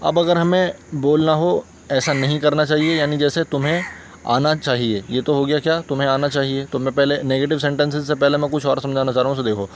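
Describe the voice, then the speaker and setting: A man's voice: on the high side, fairly even intonation, brisk, a little hiss or hum. A man with a Hindustani accent teaching English grammar, patiently repeating examples and checking that listeners follow. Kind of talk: explaining grammar lesson.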